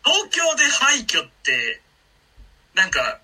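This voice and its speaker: A man chatting casually as a podcast panelist, cutting in with quick, argumentative points. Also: high voice, huge pitch swings, sharp tone. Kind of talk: casual chat about a film.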